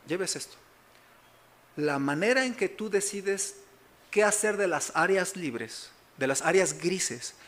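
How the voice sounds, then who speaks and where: Again and again during his sermon, a Mexico City pastor with a Mexican Spanish accent asks whether the congregation is following. His pitch is fairly high and his tone a bit bright.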